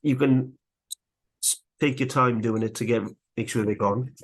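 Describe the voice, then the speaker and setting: A man teaching woodcarving live, chatting in a relaxed way as he works, a little out of breath. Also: medium pitch, moderate pace, husky. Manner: relaxed, chatty, talks while working. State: slightly out of breath. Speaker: woodcarving instructor. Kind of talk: live carving tutorial.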